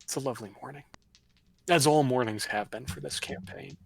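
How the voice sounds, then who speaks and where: Guy running a tabletop game on stream, gravelly husky voice, rambly and laid back. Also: mid-range voice, a little fast, poor audio. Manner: casual, rambling narration with fillers. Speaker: game master. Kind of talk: narrating a tabletop game on a livestream.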